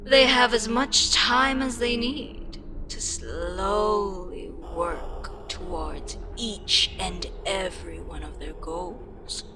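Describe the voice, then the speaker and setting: In an intimate scripted ASMR monologue, a woman voices a female eldritch deity, ancient and weary, frustrated yet wistfully amused by mortals. Lightly acted at medium pitch, she speaks slowly with pauses, drifting into breathy whispers, her mood wistful and musing over crowd noise.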